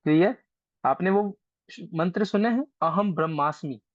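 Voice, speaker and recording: On a video call, a man whose voice sits high talks expressively at normal speed, teaching astrology in a relaxed, chatty way and teasing and coaxing his students. No echo is present; the call audio is dry, dull and lo-fi.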